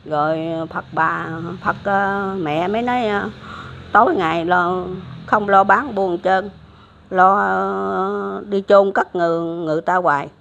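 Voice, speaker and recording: Gravelly older Southern Vietnamese woman. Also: mid-range voice, unhurried, a bit bright, a little hiss or hum. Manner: rambling, many fillers and restarts. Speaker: elderly storyteller. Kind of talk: casual religious storytelling. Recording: dull lo-fi recording.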